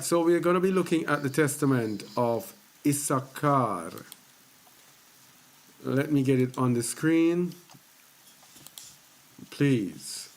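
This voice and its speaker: Man, religious teacher, slow delivery, repeats phrases, conversational. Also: medium pitch, a little hiss or hum. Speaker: host of a faith teaching channel.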